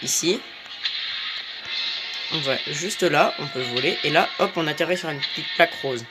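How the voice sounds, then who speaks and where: A young gaming YouTuber gives casual, hesitant commentary on a video game as he plays, filling it with fillers. His voice is a little high, he talks at a moderate pace, and game music plays behind him.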